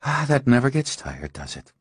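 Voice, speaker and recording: A man's voice: medium pitch, very animated, moderate pace, husky, no room sound, pitched above the performer's own voice. A man voicing a dry, sardonic male vampire in an audiobook.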